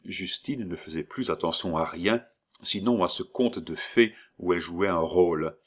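A man narrating a classic story aloud, with a fairly low voice. He reads at a steady, measured pace, carrying the scenes along in a calm storyteller's way. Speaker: audiobook narrator. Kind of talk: scripted literary narration.

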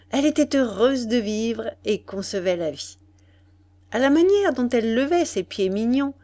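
A woman with a medium-pitched voice narrates a classic novel as an audiobook, reading in a measured, expressive way.

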